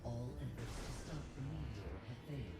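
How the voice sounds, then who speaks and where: An actor playing an urgent, commanding military officer in a video game, giving a formal, clipped briefing. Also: male voice, mid-range voice, animated, fairly quick, close to an everyday voice. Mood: urgent, grave. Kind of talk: scripted video game voice acting. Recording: game audio under loud music. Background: loud game music.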